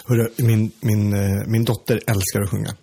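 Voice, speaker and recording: A man's voice: fairly low pitch, flat delivery, gravelly, loud music behind the voice. A man in casual podcast chat, hesitant with frequent restarts, teasing his co-host.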